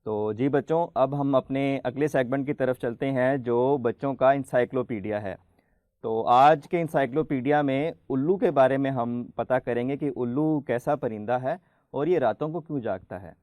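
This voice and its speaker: A man hosting a children's program, patiently quizzing the kids and slowly spelling out letters for them to pronounce. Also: mid-range voice, dry recording, narrow, tinny audio. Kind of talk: friendly studio hosting for children.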